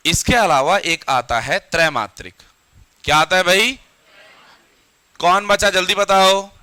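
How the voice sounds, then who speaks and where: Speaking in a high, very bright voice, a male teacher runs a grammar lesson, peppering the class with questions and echoing students' answers to drill them. He takes his time, and the recording is dry and close.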